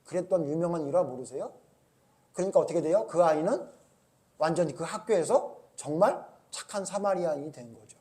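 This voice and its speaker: Pastor, male, high-pitched, emphatic sermon delivery, questions and answers the congregation. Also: a little fast. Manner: emphatic, swings between loud urging and low asides.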